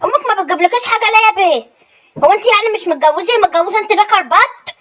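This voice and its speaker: A very high-pitched, fast-talking Egyptian mother-in-law , played by a woman in a comedy sketch. She nags and scolds without pause, ordering everyone around and complaining endlessly. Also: a bit bright. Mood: nagging. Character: nagging, demanding older mother-in-law.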